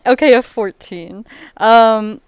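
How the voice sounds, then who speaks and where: A woman's voice: a little high, slow, clear, resonant tone, no echo. A woman narrating a tabletop game as game master, rambling with lots of fillers. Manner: rambling, filler-heavy, giggly.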